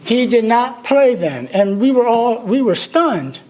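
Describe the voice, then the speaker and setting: A man's voice: very high-pitched, big pitch swings, a little slow, darkish tone. A man, giving a memorial tribute speech. He tells humorous, self-deprecating stories. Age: 60s. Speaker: alumnus speaker at a memorial service.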